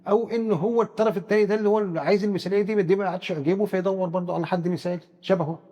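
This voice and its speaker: An Egyptian man explains psychology at a rapid clip, stumbling into quick restarts as he goes. His voice sits a bit high but sounds dark and husky. The room adds a long trailing reverb. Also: steady tone, dull audio. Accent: Egyptian Arabic. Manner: rapid, explains with first-person examples, frequent stammered restarts. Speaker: psychiatrist guest expert. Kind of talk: explanatory discussion.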